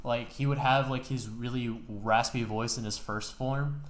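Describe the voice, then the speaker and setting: A young man with a mid-pitched voice, rambling through long explanations packed with fillers in a casual podcast chat. The sound carries a noticeable room echo. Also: fairly even intonation, a little slow. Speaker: podcast co-host. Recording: echoey room.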